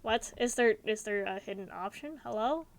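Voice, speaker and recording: Playful, higher-voiced woman gaming streamer. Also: normal speed. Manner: playful, sarcastic, reactive. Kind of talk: casual let's-play commentary, reading choices aloud.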